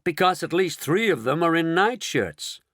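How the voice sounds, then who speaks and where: A panicky astronaut, high and insistent, swearing by what he sees, as a man acts him out. His voice swings widely, a storybook spaceman. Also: sing-song, moderate pace, fairly bright tone, no echo, studio quality. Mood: alarmed. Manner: alarmed and insistent. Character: panicky, excitable male astronaut.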